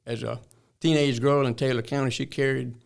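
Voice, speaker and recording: A man's voice: mid-range voice, flat delivery, a little fast, gravelly. An older man from north Florida with a rural Southern drawl, telling stories in a folksy way as an interview guest. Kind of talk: storytelling interview talk.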